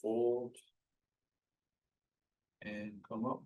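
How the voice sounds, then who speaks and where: Male movement teacher, medium pitch. Short, spaced, step-by-step instructions for a qigong class. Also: little pitch movement, mellow. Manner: measured, step-by-step cueing.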